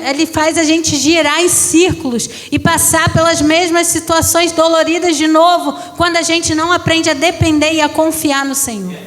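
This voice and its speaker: A woman's voice: extremely high pitch, fairly even intonation, moderate pace, few pauses, a bit bright, big-room sound. A woman in her thirties, a pastor giving an emotional testimony to a congregation, calling them brothers. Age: 30s. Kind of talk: church testimony.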